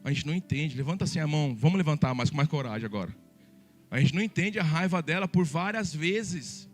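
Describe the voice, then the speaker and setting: A man preaching a sermon as the pastor, his voice sitting a little high for a man. He jokes with the congregation and turns to them often with questions. A soft guitar plays behind him. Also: fast talker. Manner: lively, joking preacher who addresses the congregation directly.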